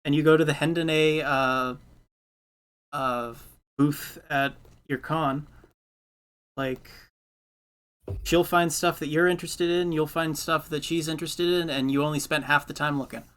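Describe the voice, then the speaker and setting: A man's voice: on the high side, fairly even intonation, a little slow, pauses often, a bit bright, clear, resonant tone. A man hosting a podcast, chatting casually in a rambling way, repeating words and laughing often. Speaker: podcast host. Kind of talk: casual chat.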